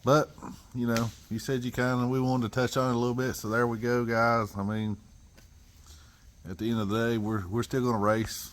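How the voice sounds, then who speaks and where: A man's voice: medium pitch, level tone, moderate pace, slight background noise. A man hosting a casual vlog chat, easygoing and rambling. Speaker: host.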